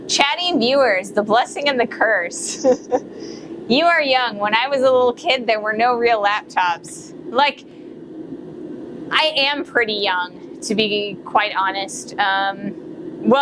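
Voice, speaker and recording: A blacksmith streamer in her late thirties chats casually on a live stream while forging in her workshop, rambling with plenty of fillers and self-corrections. Her voice is on the high side and slow, with long pauses over a noisy background.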